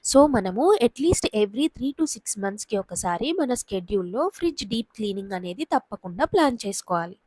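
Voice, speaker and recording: Woman, 30s, home vlogger; calm how-to voice-over, dry close sound. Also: medium pitch, no echo. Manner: calm, explanatory. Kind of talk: instructional voice-over.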